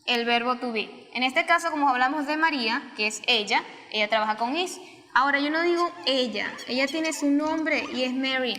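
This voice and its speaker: A woman from Venezuela, a Spanish-speaking English teacher, explaining grammar step by step in a recorded lesson and repeating key forms slowly. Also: high-pitched, pushed and bright. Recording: long reverb, roomy sound.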